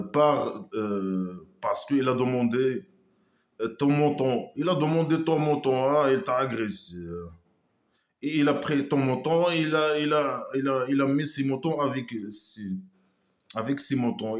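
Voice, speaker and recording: A man's voice: medium pitch, roomy sound. A man giving a casual critical monologue, scornful and mocking, hesitating with many trailing asides. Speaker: online commentator.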